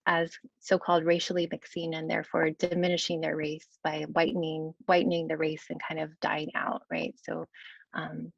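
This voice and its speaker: A woman's voice: low voice, monotone, normal speed, gravelly, highs cut off. A young woman scholar answering questions on a video call, hesitant, with many fillers and "right?" tags. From United States, Kentucky. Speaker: guest scholar. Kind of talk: online Q&A answer.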